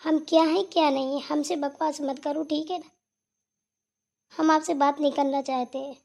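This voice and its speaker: A sharp-tongued, lazy sister-in-law from a cartoon family squabble, as a woman voices her. Her voice sits high and her delivery is blunt and scolding. She tags her lines with a challenging "right?". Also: level tone, normal speed, creaky. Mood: defiant. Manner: blunt, scolding, repeats "theek hai na". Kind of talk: cartoon voice acting.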